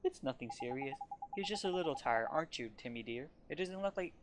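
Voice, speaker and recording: A woman's voice: low-pitched, lively intonation, brisk, background noise. Woman doing a doting older shopkeeper lady. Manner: doting, sweet, cooing. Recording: game music behind the voice.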